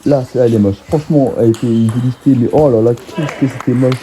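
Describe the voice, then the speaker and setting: A young man talking over his own table tennis match, excitable and self-mocking. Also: mid-range voice, fast, a little hiss or hum. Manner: excitable, self-mocking, laughs often, swears casually. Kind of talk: casual match commentary voice-over.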